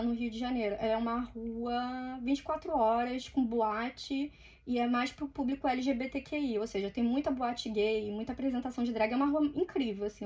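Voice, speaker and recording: Chatty Brazilian woman, slightly high voice. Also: a little mellow. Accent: Brazilian Portuguese. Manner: chatty, swears, acts out quoted lines. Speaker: artist vlogger. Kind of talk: casual storytelling while drawing.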